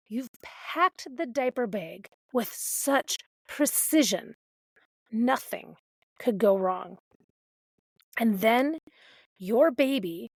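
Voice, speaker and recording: A woman's voice: fairly high pitch, creaky, no room sound. A woman hosting a podcast, a parent of a toddler doing a sardonic comedic monologue and swearing freely. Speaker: podcast host.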